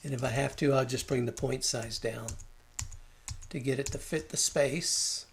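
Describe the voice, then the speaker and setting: Man with a gravelly voice, talking through a design tutorial. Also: mid-range voice, steady tone, moderate pace, slight background noise. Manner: thinking aloud, muttering at the software while working. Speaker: design instructor. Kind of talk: screen-recorded software tutorial.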